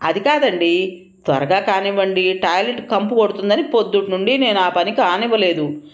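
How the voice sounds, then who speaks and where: A woman's voice: medium pitch, moderate pace, voice pushed up, close to an everyday voice. Woman playing a young wife, naive-sounding, polite, sly, storybook. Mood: innocent. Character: innocent-acting young village wife, sly.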